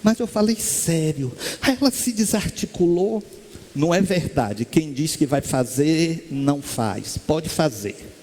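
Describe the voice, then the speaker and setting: High-voiced Brazilian man telling stories. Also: unhurried. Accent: Brazilian Portuguese. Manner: lively storyteller, acts out quoted voices. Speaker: spiritist lecturer. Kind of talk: storytelling lecture. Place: lecture hall stage.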